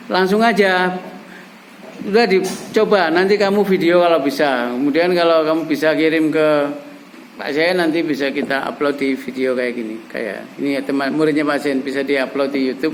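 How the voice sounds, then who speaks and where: A man's voice: fairly high pitch, a little hiss or hum, low-quality recording. A middle-aged man teaching an English class, coaxing his students with repeated examples and prompting questions. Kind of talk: classroom language lesson.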